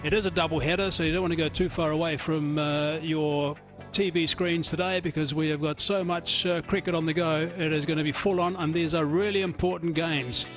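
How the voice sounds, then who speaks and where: A man's voice: on the high side, steady tone, brisk, fairly bright tone, soft background music. Upbeat male cricket commentator. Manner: upbeat, chatty match intro. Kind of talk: live match commentary.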